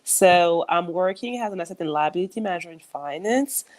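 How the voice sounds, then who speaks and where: A woman from Senegal in her thirties, speaking on a video call panel in a thoughtful, measured way. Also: on the low side, animated, a little mellow. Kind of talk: casual panel discussion.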